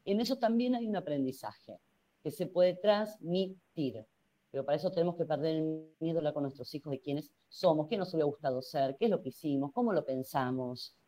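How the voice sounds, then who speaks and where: Speaking fairly quickly in a low, mellow, expressive voice, this woman is a psychologist being interviewed on the radio. Her Rioplatense Spanish accent comes through as she reasons aloud with self-directed rhetorical questions.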